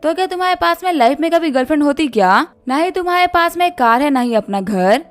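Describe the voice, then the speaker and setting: A woman's voice: high voice, animated, quick pace, soft background music. A woman voicing a scornful young woman who sneers at her ex in a manga recap. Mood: sneering. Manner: sneering, contemptuous.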